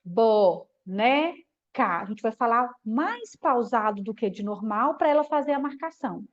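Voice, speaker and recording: A woman with a high voice gives an explanatory online talk to teachers. She checks in with her listeners often and slows to a crawl when she breaks a word into syllables. The stream audio is dull and lo-fi. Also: animated, fairly bright tone. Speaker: teacher educator. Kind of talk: live online lecture.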